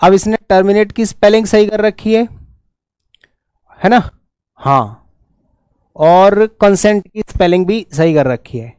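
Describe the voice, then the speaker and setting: A man with a Hindi accent teaching an exam-prep English lesson, briskly urging students to answer quickly. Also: high voice, darkish tone, clean tone, no echo.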